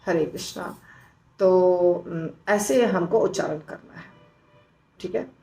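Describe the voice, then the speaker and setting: A woman teaching how to pronounce Sanskrit verse, splitting hard words into syllables and repeating them slowly. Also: fairly low pitch, warm tone, faint music behind, low-quality recording. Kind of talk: slow recitation lesson.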